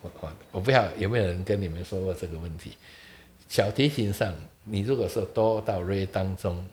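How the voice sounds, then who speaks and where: A man, a guest explaining in casual conversation, animated and laughing often. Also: low-pitched, brisk. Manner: animated, asks rhetorical questions, laughs often.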